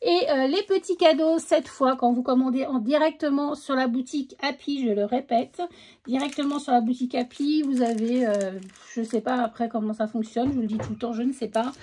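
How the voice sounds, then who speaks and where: Showing off her craft stamps in a relaxed unboxing, this crafts vlogger lists the text on each stamp aloud, pausing hesitantly with plenty of fillers. She speaks briskly with few pauses in a high, slightly mellow voice.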